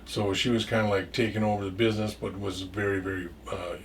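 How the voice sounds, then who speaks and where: A man's voice: on the low side, flat delivery, a little fast, far from the mic, a little hiss or hum. A man telling a story from his past in a casual, rambling way, stumbling over and repeating words and swearing freely.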